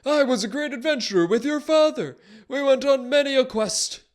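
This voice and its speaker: A man's voice: very high-pitched, moderate pace, pitched above the performer's own voice. A man voicing a mad, rambling ancient human wizard who loses his train of thought and takes offense easily. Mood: shrill rambling. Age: older. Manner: scatterbrained, indignant, rambling with trailing restarts.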